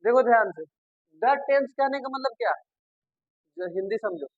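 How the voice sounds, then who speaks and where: A man's voice: extremely high pitch, animated, normal speed, no room sound, dull audio. A male teacher giving a grammar lesson, repeating terms and asking and answering his own questions. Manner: repetitive, addresses students as babu and sir, asks and answers himself.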